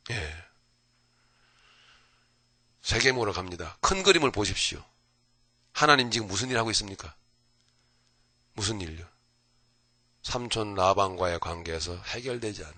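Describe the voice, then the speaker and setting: Man preaching a morning bible talk, swings from shouts to whispers, keeps asking "right?", dry close sound. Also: fairly low pitch, dry recording. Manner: animated, mimics people with sudden loud outbursts and whispers; folksy, asks listeners "right?" often. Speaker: pastor. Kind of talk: early morning Bible lecture.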